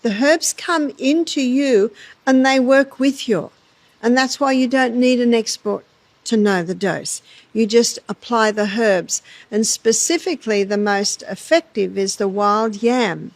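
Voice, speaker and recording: Australian woman, health educator, calm explainer, slightly high voice, close dry mic. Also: unhurried, no echo. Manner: calm, explanatory, folksy with frequent laughs. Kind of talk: interview answers.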